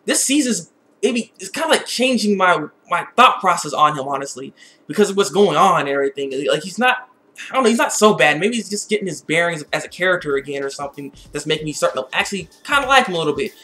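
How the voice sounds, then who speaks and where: A man reviews an episode casually and with strong opinions, his voice sitting high and his speech fast. He rambles excitably and often repeats words.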